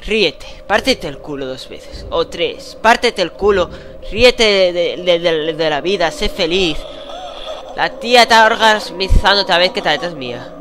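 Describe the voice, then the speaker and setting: A man's voice: sits high, expressive, measured pace, over music. A man from commenting on a horror game, joking, swearing and muttering in frustration. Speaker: gaming channel host.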